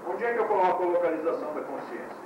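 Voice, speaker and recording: A man's voice: high voice, expressive, distant mic, lo-fi sound. Man lecturing on an old VHS tape. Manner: explains with quick bodily demonstrations and light humor. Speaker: yoga teacher. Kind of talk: classroom lecture. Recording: old VHS tape, echoey room from afar, hiss.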